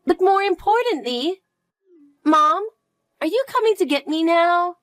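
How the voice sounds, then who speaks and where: A woman voicing an anxious, clingy elementary-school girl in an audio drama, asking high, pleading questions. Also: lively intonation, measured pace, a bit bright, dry recording, exaggerated voice. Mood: eager.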